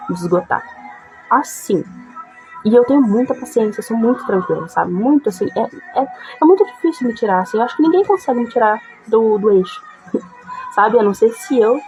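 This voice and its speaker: Woman sharing a testimony, chatty, keeps asking you know, soft music behind. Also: medium pitch, poor audio. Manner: conversational, frequent tag questions. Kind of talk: emotional testimony.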